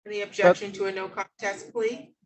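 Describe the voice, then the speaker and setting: A woman's voice: medium pitch, level tone, a little fast. A woman speaking as a judge in a courtroom, putting formal questions and explaining procedure step by step.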